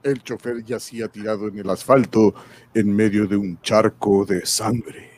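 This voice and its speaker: A man's voice: on the low side, steady tone, measured pace, noisy background, natural voice. A man narrating an adventure serial as an old radio serial announcer, in a dramatic manner. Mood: dramatic, grave.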